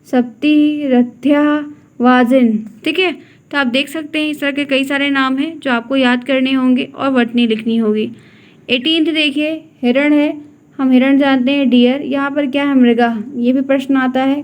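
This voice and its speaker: A woman teacher going through an exam-prep lesson, repeating key words and reminding students to keep them in mind. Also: high-pitched.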